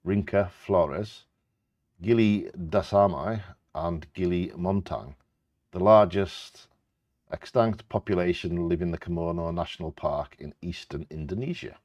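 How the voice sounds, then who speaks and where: Male bingo co-host: low, dry-recorded voice, reads facts with offhand asides. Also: measured pace, darkish tone, no echo. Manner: casual, stumbles over scientific names. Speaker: co-host reading out animal facts. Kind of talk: reading facts aloud with casual asides during a live bingo game.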